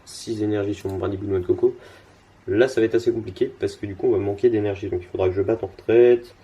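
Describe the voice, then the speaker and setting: Young man, low mellow voice, husky, rambling card-game commentary, tired. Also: steady tone, fast talker, lo-fi sound. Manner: rambling, thinking aloud with many fillers and restarts. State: yawning, tired. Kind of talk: casual gameplay commentary.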